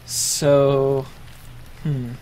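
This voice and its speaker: A man running a tabletop role-playing game as game master, narrating the action in a halting way with many fillers and restarts. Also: mid-range voice, level tone, darkish tone, faint music behind.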